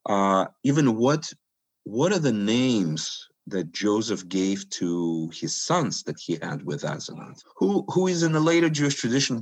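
A man from the Soviet Union, an author and scholar, telling stories in an animated, pausing way. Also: lowish voice, breathy edge. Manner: animated, pausing storyteller with fillers. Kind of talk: anecdotal conversational storytelling.

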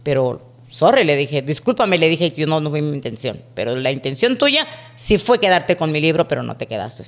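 Speaking at normal speed in a low-pitched voice, a middle-aged podcast guest tells relaxed stories about growing up. She brings them to life by performing the quoted lines with animation.

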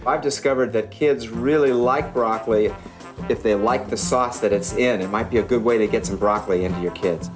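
A man's voice: lowish voice, brisk. A man working as a chef, explaining a dish step by step and addressing his learner directly. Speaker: chef giving a cooking demonstration. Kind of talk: step-by-step instructional talk. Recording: music under the voice. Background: background music with guitar.

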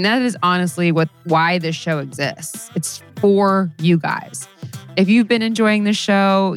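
A woman hosting a podcast, talking in a chatty, earnest way. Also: fairly low pitch. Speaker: podcast host. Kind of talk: casual podcast chat.

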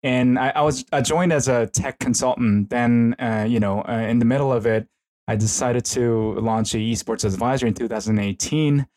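Here a middle-aged man from South Korea, an esports consultant and professor, rambles hesitantly and informally as a guest in a casual interview. He has a Korean accent and a medium-pitched, slightly mellow voice, steady in tone, at normal speed.

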